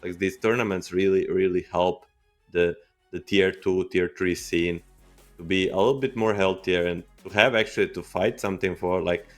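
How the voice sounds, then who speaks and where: Deep-voiced halting esports analyst, man. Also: fairly even intonation, faint music behind. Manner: thoughtful, halting, restarts phrases. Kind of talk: live esports commentary.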